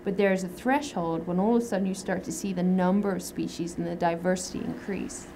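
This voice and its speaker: Interviewed for a documentary inside her lab, a woman in her thirties who works as a microbiologist gestures while explaining her research. She speaks fairly quickly, low and mellow with fairly even intonation, over a slight hiss or hum.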